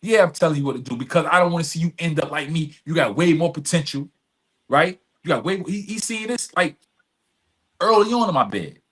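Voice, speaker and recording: Slightly high and fairly bright in tone, his voice moves a little fast with lively intonation. As a podcast guest in a long, open conversation, he tells personal stories emphatically, leaning on street slang and repeated phrases.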